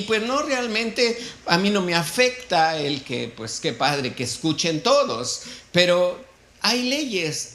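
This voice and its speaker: A man with a Mexican Spanish accent, a pastor telling an animated story in a sermon and acting out the dialogue. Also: fairly high pitch. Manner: storytelling, animated, acts out dialogue with shifting volume.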